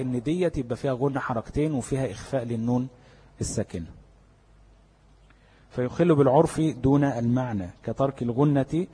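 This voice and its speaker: A man's voice: medium pitch, warm tone, breathy edge, in a large hall. A man with an Egyptian Arabic accent teaching the rules of Quran recitation in a lecture, explaining step by step and asking his students questions he then answers himself. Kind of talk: classroom lecture on tajweed.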